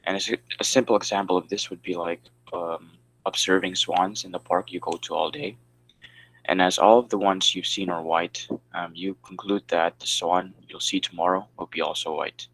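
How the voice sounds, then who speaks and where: A man's voice: low voice, steady tone, moderate pace, fairly bright tone, a little hiss or hum, poor audio. A man giving a class presentation over a video call, explaining step by step with frequent fillers. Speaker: student presenter.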